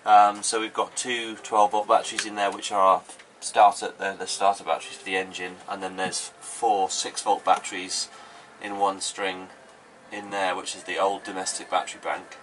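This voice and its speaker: Showing off his sailboat, a boat owner in his thirties plainly and practically explains the gear packed into the cramped cabin. His low-pitched, fairly bright voice stays flat at a normal speed with few pauses. It's recorded indoors on a slightly distant mic with faint noise behind him.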